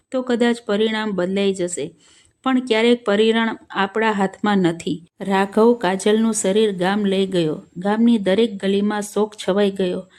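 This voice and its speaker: Lady reading out a sad story, slow and earnest, mid-pitched voice. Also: darkish tone. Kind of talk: scripted story narration.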